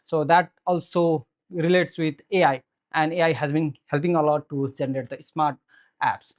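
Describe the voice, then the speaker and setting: A man's voice: fairly high pitch, fairly even intonation, normal speed. A man from Nepal in his thirties with a Nepali accent, giving a meetup tech presentation into a handheld mic, earnest and explanatory with many "so" and "uh" fillers. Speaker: software engineer giving a meetup talk. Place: meetup room with audience, indoors. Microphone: handheld microphone.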